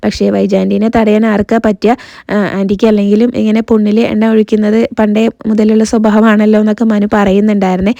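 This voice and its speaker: Woman, quick recap chatter, monotone, mellow dry voice. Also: mid-range voice, creaky, dry recording, muffled recording. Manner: retells dialogue in quotes, frequent "kētto" tag fillers. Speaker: serial recap host. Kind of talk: casual episode recap.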